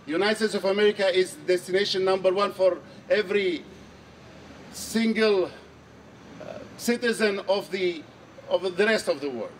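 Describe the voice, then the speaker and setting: A middle-aged man from Syria speaks at an outdoor rally in a fairly high voice. He is earnest and measured and hammers home key phrases by repeating them. The mic sits a little way off, with faint noise from the open square. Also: distant mic. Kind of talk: public speech at a protest. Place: outdoor square under trees. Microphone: handheld mic on a stand.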